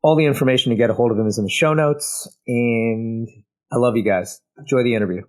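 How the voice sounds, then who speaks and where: Indian-born host, upbeat interjections. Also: male voice, medium pitch, quick pace. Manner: short encouraging interjections. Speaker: podcast host. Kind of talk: casual interview hosting.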